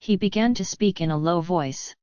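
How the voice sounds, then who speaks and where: A woman narrating a story in a steady, even reading voice. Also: lowish voice, normal speed, clean tone, dry recording, muffled recording.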